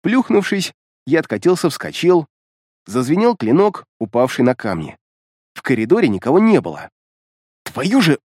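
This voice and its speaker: A man reading a first-person fantasy audiobook in an expressive, dramatic way. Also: a little high, moderate pace, dry recording. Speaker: audiobook narrator.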